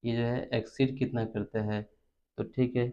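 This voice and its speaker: Speaking at a moderate pace in a level, medium-pitched voice, a man with an Indian accent walks through maths step by step and repeats terms along the way. The lesson is captured in dull lo-fi audio.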